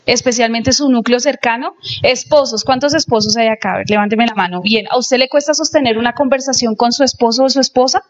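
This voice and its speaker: A woman's voice: a little high, steady tone, brisk, hardly any pauses. A woman giving a live lecture on family life, asking the audience questions and acting out little anecdotes. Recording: dull lo-fi recording.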